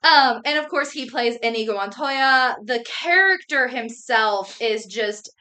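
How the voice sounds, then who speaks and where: A young woman co-hosting a casual movie chat, her higher voice bright and forceful. She rambles along chattily, filling pauses with ums and uhs. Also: expressive. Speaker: podcast co-host.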